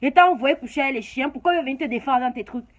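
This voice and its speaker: High-voiced Cameroonian woman ranting. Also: fast, dull audio, background noise. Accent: Cameroonian French. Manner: confrontational, repeats her jabs, scolding. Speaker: YouTuber. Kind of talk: heated rant to camera.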